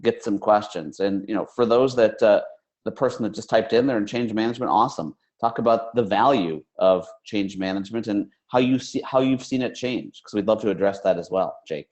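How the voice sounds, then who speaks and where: Energetic man hosting a live webinar. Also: fairly low pitch, fairly quick. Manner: energetic, animated, conversational. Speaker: webinar host.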